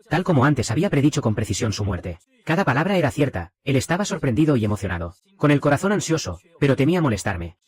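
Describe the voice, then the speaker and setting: Male recap narrator; quick, animated, expressive. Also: medium pitch. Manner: rapid, animated storytelling. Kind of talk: scripted story narration.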